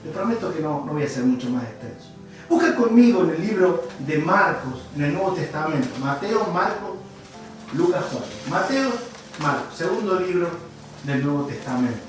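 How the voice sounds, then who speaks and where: A man with a Cordoban Argentine accent preaches a sermon with lively storytelling, jokes for his listeners and sudden shouted lines. He is heard from a distance in a very echoey hall. Faint music sits behind his voice. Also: fairly high pitch, normal speed. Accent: Cordoban Argentine Spanish. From Córdoba, Argentina. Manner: animated storyteller, jokes with the congregation, bursts into shouts.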